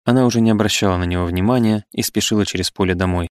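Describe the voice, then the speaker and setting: A man reading scripted literary narration of a classic novel in a measured, even storytelling manner. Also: on the low side, no room sound. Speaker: audiobook narrator.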